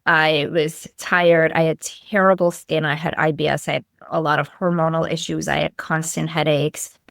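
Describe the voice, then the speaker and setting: A middle-aged Lithuanian clinical nutritionist, appearing as a podcast guest, shares a personal story conversationally and acts out snippets of dialogue. Her low, gravelly voice is fairly bright, level in tone and at normal speed, captured in clean studio sound with no echo.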